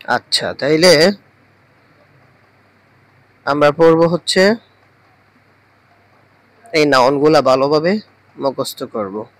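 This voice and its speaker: A man's voice: a little high, slow pace, pauses often, dry recording, poor audio. A man teaching English vocabulary, drilling words one at a time and having students repeat after him. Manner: drills words with repetition, switching between English and Bengali.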